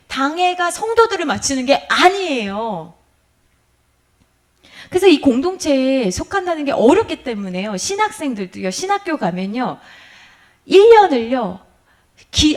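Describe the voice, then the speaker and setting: A woman's voice: high-pitched, darkish tone. A middle-aged woman pastor giving a sermon lecture, asking the congregation questions and acting out quoted complaints.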